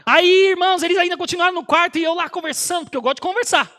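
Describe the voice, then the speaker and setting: A man, an auxiliary pastor telling a lively testimony in a sermon and often turning to the congregation. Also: very high-pitched, very fast. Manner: lively, animated storyteller who often speaks to the congregation.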